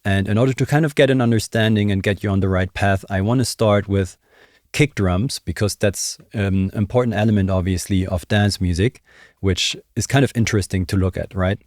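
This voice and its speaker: Speaking fairly quickly in a lowish, slightly mellow voice, a man in his thirties walks through a casual music production tutorial and explains his thinking as it comes. The sound is studio quality without echo, from a desk microphone up close in a small indoor home studio.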